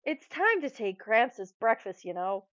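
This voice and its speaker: A grumbling, sarcastic old man complains, as a woman reads his part aloud. Her voice is lively and fairly high, and the sound is dry and slightly dull. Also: measured pace, no room sound.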